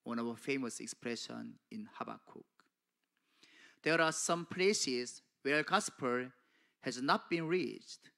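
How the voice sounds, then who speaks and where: Slow, emphatic male preacher. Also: mid-range voice, creaky, pushed and bright. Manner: slow, emphatic preaching with rising calls of "Amen?". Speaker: pastor delivering an English translation of a sermon. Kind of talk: sermon. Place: small church hall with a cross and a pulpit. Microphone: handheld microphone at a pulpit.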